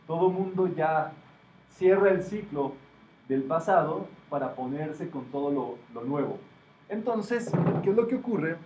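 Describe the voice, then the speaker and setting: A man teaches a metaphysics class, explaining ideas and putting questions to his students in a slightly mellow voice that sits on the high side. The recording is distant and dull, with an echoey room and faint noise.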